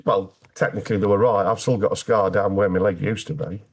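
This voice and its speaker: British male podcast guest, slightly deep voice, candid and plain-spoken, with wry, dry humour. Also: steady tone, brisk, slightly rough. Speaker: interview guest. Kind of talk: candid personal storytelling in conversation.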